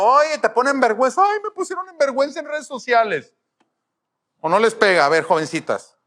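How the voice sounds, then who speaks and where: A middle-aged pastor preaches to his congregation, his voice sitting high for a man. He is emphatic and keeps asking the room rhetorical questions. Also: pushed and bright.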